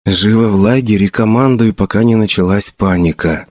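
A man voicing an old priest who was once an officer, talking low and urgent. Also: normal speed, no echo, close to an everyday voice. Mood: urgent whisper. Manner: low urgent whisper, then booming shouts.

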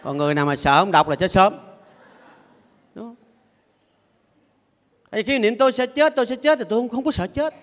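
A man's voice: high voice, a little fast, pauses often, fairly bright tone. An older man, a Buddhist monk giving a playful sermon who has his audience repeat phrases after him. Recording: long echoey hall reverb.

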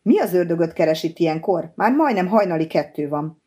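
A woman reading a novel aloud as an audiobook narrator, in an even, measured manner, giving the characters' lines in her own voice. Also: lowish voice, breathy edge.

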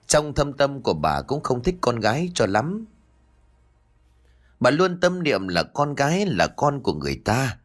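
A man narrating a village story in an expressive, animated reading. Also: mid-range voice.

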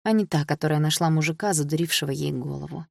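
Low, husky woman reading an audiobook. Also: fast, no echo, clean studio sound. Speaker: audiobook reader. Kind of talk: first-person audiobook narration.

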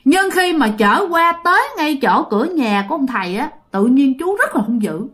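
High-voiced Southern Vietnamese woman storyteller. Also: normal speed. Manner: lively, addresses listeners directly. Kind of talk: ghost story narration to listeners.

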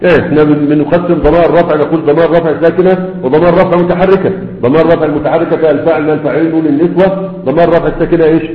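A man's voice: fairly high pitch, steady tone, racing, hardly any pauses. A man with an Egyptian accent teaching a grammar lesson to a class, explaining step by step and asking and answering his own questions. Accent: Egyptian Arabic. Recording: echoey hall over tinny phone-like sound.

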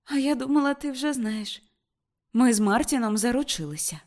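A woman voicing a young woman in love, speaking in an excited, trembling, pleading way. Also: on the high side, normal speed, pitched above the performer's own voice, close to an everyday voice.

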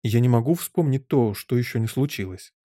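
A man's voice: medium pitch, brisk, warm tone, no echo, studio quality, natural voice. A man voicing an earnest, curious little girl of seven in an audiobook. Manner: earnest, questioning.

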